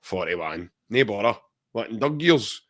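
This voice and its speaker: A man's voice: fairly low pitch, sing-song, measured pace. A Scottish man in his forties co-hosting a podcast, chatting casually, joking and reading out viewer comments. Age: 40s. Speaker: podcast co-host. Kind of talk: casual chat.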